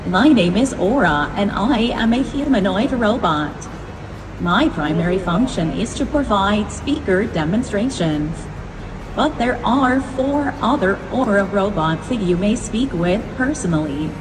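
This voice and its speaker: A synthetic female robot voice giving a formal, polite, measured announcement to visitors, heard from a distance in a large indoor atrium. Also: medium pitch. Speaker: humanoid demonstration robot. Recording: echoey hall from far off, noisy ambience.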